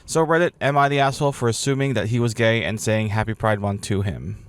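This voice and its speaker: Reading listener posts out loud, a playful thirties-aged podcast co-host laughs his way through casual chat. He has a lowish, clean-toned voice and speaks fairly quickly, recorded without any room sound.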